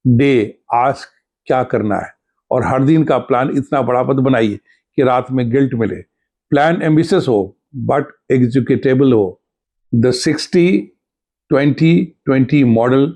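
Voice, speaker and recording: Male teacher for a scripted exam-prep lesson. Slow and measured, soft warm tone, lists points one at a time. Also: mid-range voice.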